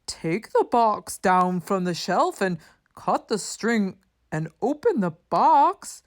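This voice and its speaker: A woman voicing an excitable, anxious male toad from a children's storybook, with exclaiming, emphatic delivery. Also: medium pitch, takes it slowly. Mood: doubtful, puzzled.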